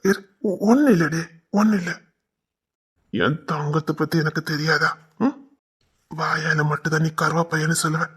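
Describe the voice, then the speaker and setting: A man's voice: on the high side, fairly even intonation, unhurried, pauses often, fairly bright tone. A young man, acting a protective, hot-tempered village lover who teases his girl. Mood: tender teasing. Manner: rough, protective, teasing. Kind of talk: web series drama acting.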